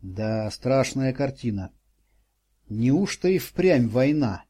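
A man narrating an audiobook in a measured, dramatic way. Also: mid-range voice, lively intonation, dark tone, husky. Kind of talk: scripted narration.

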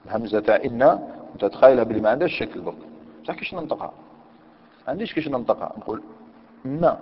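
A man's voice: medium pitch, breathy edge. A man with an Algerian Arabic accent teaching a grammar class, quizzing his students and switching between everyday dialect and recited verse. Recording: dull lo-fi recording in a long-echo hall, faint noise.

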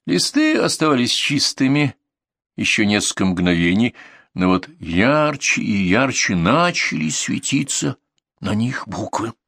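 A man narrating a fairy tale in an expressive, measured reading voice. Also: fairly low pitch, gravelly, breathy edge, no echo, studio quality. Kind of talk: storybook narration.

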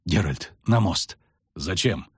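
Grim witcher guy, a man doing him, low and clipped, gritted teeth, husky dry audiobook voice. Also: expressive, slow, no room sound, full character voice. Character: grim middle-aged male witcher, terse and hard.

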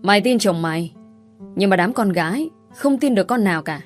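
A woman's voice: mid-range voice, animated, soft background music, natural voice. Woman doing a furious foul-mouthed friend. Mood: bitter. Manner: sharp, scolding, rapid. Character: brash bad-tempered woman friend, loud and crude.

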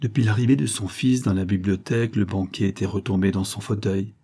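Husky male audiobook narrator. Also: a little fast. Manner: low, steady storytelling.

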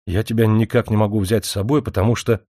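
A man's voice: fairly low pitch, steady tone, fast, warm tone, dry recording, studio quality, natural voice. Man playing a flustered, pompous writer. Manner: flustered outbursts, pompous declaiming. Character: indignant middle-aged male writer, flustered and rhetorical.

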